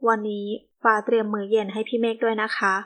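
A woman's voice: a little high, level tone, quick pace, fairly bright tone, close to an everyday voice. Sweet, tearful young woman, pleading and polite, voiced by the reader; storybook role.

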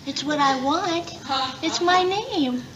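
A naive, sweet young woman in a seventies sitcom, earnest and quietly firm. Her voice is high and girlish. The old TV recording is muffled, with noise behind it. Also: expressive, slow, heavily acted. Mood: earnest, insistent. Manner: simple, childlike earnestness. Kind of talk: 1970s multi-camera sitcom acting. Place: TV studio set, indoors. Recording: dull, noisy vintage TV soundtrack.

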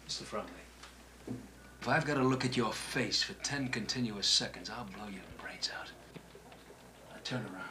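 Actor as a tough, menacing American cop, quick-talking. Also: male voice, mid-range voice, background noise, close to an everyday voice. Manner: tough cop, blunt and threatening. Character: hard, menacing, impatient male police detective. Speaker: police interrogator. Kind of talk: film drama dialogue. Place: small indoor police office.

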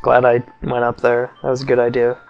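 A young man provides casual let's play commentary a little fast, his mid-range voice gravelly and completely flat, on lo-fi audio with faint game music behind. Self-mocking and wry, he mutters asides, and his voice feels off, possibly a sign he's getting sick.

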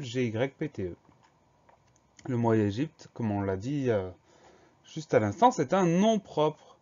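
A male teacher walks through a dictation list word by word, spelling each one out letter by letter in a calm, patient way. His voice sits at an ordinary middle pitch, and the recording sounds a little dull and lo-fi.

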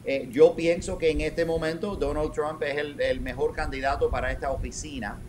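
A middle-aged man, a retired police commander, answering interview questions over a webcam from a home office, talking haltingly with many restarts and English words mixed in. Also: fairly high pitch, steady tone, slight background noise. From raised in New York. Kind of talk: video call interview. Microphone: video call webcam.

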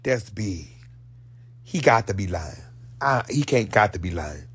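A man hosting a show of comedic commentary on internet gossip, animated and profane, jumping from loud outbursts to hushed asides. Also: on the low side, a little slow, breathy edge. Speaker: show host.

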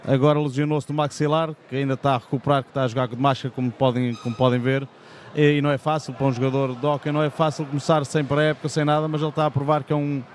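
Male co-commentator, extremely quick delivery, fairly high voice, conversational analysis over faint venue noise. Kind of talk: conversational live sports analysis.

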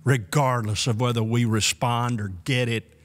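A man in his sixties preaching a sermon from the pulpit of a church, earnest and full of rhetorical questions, often breaking into soft laughs. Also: mid-range voice, fairly even intonation, normal speed. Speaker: pastor. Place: church sanctuary. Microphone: pulpit microphone on a stand. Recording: long church hall reverb.

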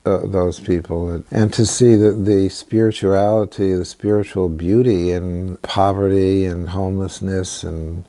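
A man in a documentary interview, speaking thoughtfully about a poem with halting restarts. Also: sits low, fairly even intonation, mellow. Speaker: literary scholar interviewee.

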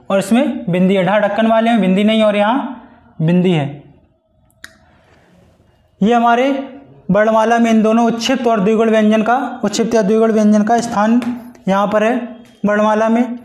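High-voiced male teacher in an echoey room. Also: fairly even intonation, moderate pace, a little mellow. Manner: patient, repeats and stretches out syllables to demonstrate pronunciation. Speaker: Hindi teacher. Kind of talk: blackboard-style grammar lesson.

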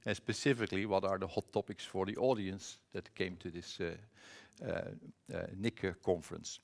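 A man's voice: sits low, normal speed, gravelly. Hesitant Dutch-accented man presenting. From Netherlands. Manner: casual, hesitant, frequent filler sounds and restarts. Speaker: conference presenter and trainer. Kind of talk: conference presentation. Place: conference room. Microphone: presentation mic.

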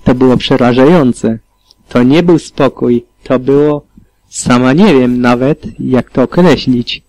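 Mężczyzna narrator czytający audiobook z przejęciem, w pierwszej osobie. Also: male voice, medium pitch, unhurried, a little mellow, dry recording, low-quality recording. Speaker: audiobook reader. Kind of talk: audiobook narration of fan fiction.

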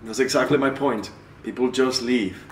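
An actor playing a lonely, downbeat young man in a city bar, talking in a flat voice. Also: medium pitch, moderate pace, lightly acted. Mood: gloomy. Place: indoor bar. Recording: roomy sound, distant mic, noisy.

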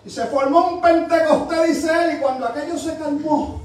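A male preacher delivers a fervent sermon, pressing his point with shouted, repeated questions. His voice sits very high for a man. He sounds far from the microphone, in a church hall full of heavy echo. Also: normal speed, slight background noise. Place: church sanctuary.

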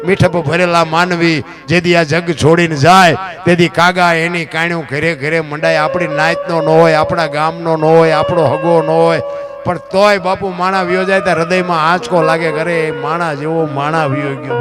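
A man preaches a folksy dayro sermon. His voice sits high, and he keeps turning to his listeners with rhetorical questions. Clear guitar playing runs behind him. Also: level tone, moderate pace. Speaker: dayro storyteller. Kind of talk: folk sermon with sung verses.

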